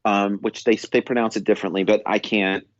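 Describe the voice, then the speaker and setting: A man's voice: lowish voice, flat delivery, fairly quick, no room sound, highs cut off. A man with a New York accent, co-hosting a podcast in a casual, rambling chat with many restarts and stammers. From New York State. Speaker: podcast co-host. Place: London.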